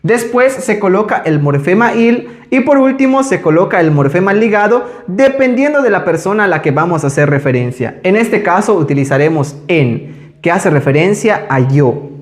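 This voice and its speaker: A man teaching a language lesson, speaking slowly and carefully when he pronounces each example. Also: high-pitched. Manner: slow, careful pronunciation of examples. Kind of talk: scripted lesson.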